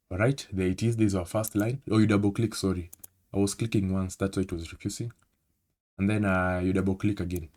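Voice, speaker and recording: A man's voice: fairly low pitch, mellow. A man with a Kenyan accent giving a screen-recorded trading tutorial, talking conversationally and checking in often with "okay?". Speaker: trading instructor.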